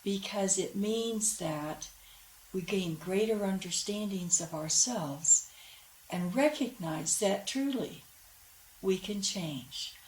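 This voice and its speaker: Woman explaining slow and earnest, echoey room, little hiss behind. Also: mid-range voice, lively intonation, a little mellow. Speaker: co-presenter. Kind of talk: calm measured explanation. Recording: roomy with faint background noise.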